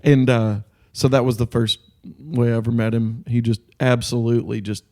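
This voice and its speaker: A man in casual podcast chat, telling a long story with intense conviction. He jumps into the voices of the people he quotes. His pitch sits in an ordinary middle range. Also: level tone, normal speed, darkish tone. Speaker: podcast co-host.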